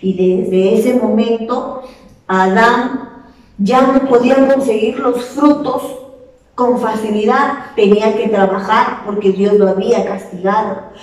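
A woman teacher with a Peruvian Spanish accent, slowly telling a story to small children and asking them questions. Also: fairly high pitch. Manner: slow, expressive, asks children questions. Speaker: preschool teacher. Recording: echoey room, voice from far off.

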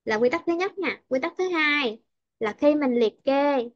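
A woman teaching English with a Vietnamese accent, her fairly high voice explaining stress rules patiently. The sound is dry and a little dull, like a laptop call. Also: animated, a little slow, no echo. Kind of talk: online English lesson.

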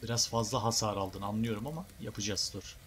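A man's voice: on the low side, fast talker, fairly bright tone, slight background noise. A young man casually commenting on his gameplay, joking, using slang and talking to viewers and creatures on screen. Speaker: gaming YouTuber. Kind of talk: casual let's play commentary.

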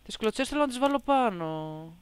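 A gameplay commentator with a high, animated, clean-sounding voice does a casual let's-play, joking, talking back to the game, and reading its text out loud. He has a sore throat and coughs.

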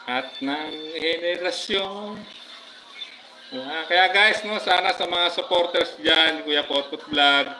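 A man with a Filipino accent, chatting casually on a live stream, giving viewers shoutouts with many fillers. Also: a little high, unhurried, hardly any pauses, soft background music, rough recording. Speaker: livestream vlogger.

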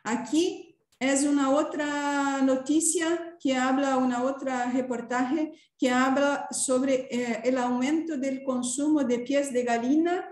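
Her voice is high and a little mellow, steady in tone, slow but with few pauses. She is a Brazilian woman in her thirties, a native Portuguese speaker, presenting at a seminar and groping hesitantly for words. The audio is a roomy, echoing video call from an indoor room.

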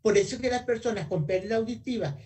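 A woman giving a health talk as a guest speaker in a webinar. She is animated, talks straight to her listeners and asks for the next slide. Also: a little high, fast. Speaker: guest speaker, audiology technician. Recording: voice a bit far from the mic.

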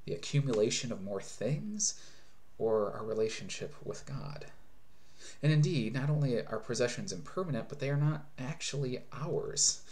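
A pastor in his thirties preaches an earnest sermon into a webcam from a small room at home, often restarting phrases as he explains. His voice is mid-range with a darkish tone, picked up by the webcam at desk distance.

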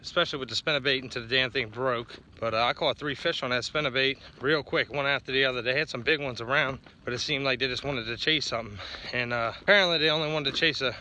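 A man's voice: medium pitch, bright, forceful tone. A man, chatting casually to the camera while fishing on a windy lakeshore, rambling and talking to himself between casts. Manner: laid-back, rambling, talks to himself while casting. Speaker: fishing vlogger. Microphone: action camera, head-mounted and handheld. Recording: background music under the voice.

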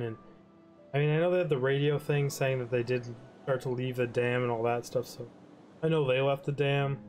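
This gaming host is a young man whose medium-pitched voice has a darkish tone. While the credits roll he rambles casually and yawns, his commentary drifting off now and then.

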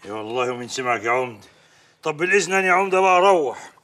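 An actor with an Egyptian accent playing a wry, knowing villager. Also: male voice, a little high, lively intonation, racing, fairly bright tone, slight background noise. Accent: Egyptian Arabic.

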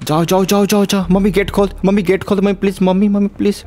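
A man's voice: high voice, little pitch movement, fast, heavy background noise. A young man giving playful let's-play commentary, pleading jokingly with the game characters. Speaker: gaming YouTuber.

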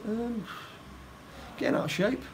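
A middle-aged football manager giving a post-match interview, plain-spoken and halting, often repeating his words. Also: extremely high pitch, a little hiss or hum, poor audio. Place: indoor room by a stadium door.

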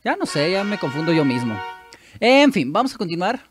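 Over music, a YouTuber with a Mexican Spanish accent chats casually while practising with a language app, his voice high, very animated and a little fast. He thinks aloud and corrects himself as he goes.

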